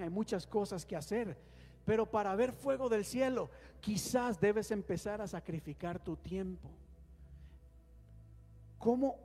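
High-voiced preaching man in a reverberant church. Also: warm tone. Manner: preaching with calls for response and prayer. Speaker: pastor. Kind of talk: sermon to a congregation. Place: church hall. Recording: long hall reverb with faint music.

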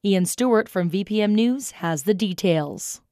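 A woman's voice: mid-range voice, animated, measured pace, dark tone, dry recording, clean studio sound. A woman anchoring a radio newscast, reading scripted local news items.

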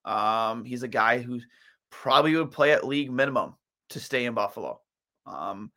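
A man's voice: medium pitch, gravelly, sharp tone. A tired man hosting a solo sports podcast, rambling through his thoughts with lots of fillers and restarts. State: tired, yawning.

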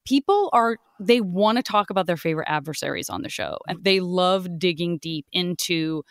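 A woman's voice: on the low side, moderate pace, dry recording, studio quality. A woman from Arizona co-hosting a podcast, chatty and enthusiastic, laughing easily as she talks. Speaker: podcast co-host. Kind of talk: casual podcast chat.

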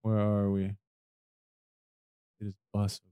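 A man's voice: lowish voice, monotone, takes it slowly, warm tone, smooth. A young adult American man with a standard accent, bantering casually while playing a game, slangy, profane and exclamatory in his complaints. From United States. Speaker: player of an online geography guessing game.

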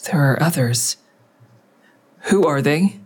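A woman with a low, husky, slightly mellow voice speaks slowly and expressively, exaggerating it to play a grim, confrontational investigator in an audio drama that includes narration. Her probing questions come out terse, dry and needling.

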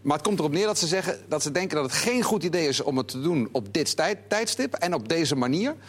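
A man's voice: fairly high pitch, animated, quick pace. A man reporting on football news at a talk-show table, explaining the details thoroughly with wry asides. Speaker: football correspondent. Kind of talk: explanatory report in casual chat.

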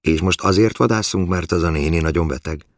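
A man voicing a curious, eager little boy in a read-aloud story, asking questions in a raised, high voice. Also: no room sound, studio quality.

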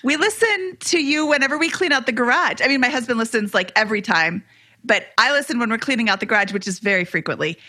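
A woman's voice: a little high, expressive, fast talker, bright, forceful tone, no room sound. A woman co-hosting a podcast in a casual, upbeat, chatty way. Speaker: podcast co-host.

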